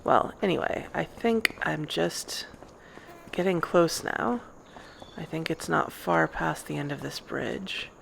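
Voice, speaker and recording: A woman's voice: low voice, animated, slow pace, vocal fry, slight background noise. A woman doing in-character roleplay narration over gameplay, chatty and rambling as she wonders aloud. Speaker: roleplay gamer.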